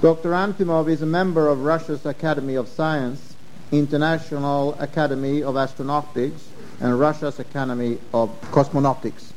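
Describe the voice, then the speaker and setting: A man chairing a session gives a formal conference introduction, hesitant and pausing between phrases. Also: a little high, steady tone, darkish tone, a little hiss or hum, rough recording.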